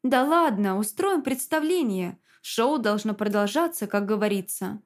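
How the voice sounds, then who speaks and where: A woman's voice: medium pitch, animated, a little slow. A woman reading the lines of a menacing, gloating male villain in an audiobook, mocking and cruel. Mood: taunting. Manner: taunting, mocking.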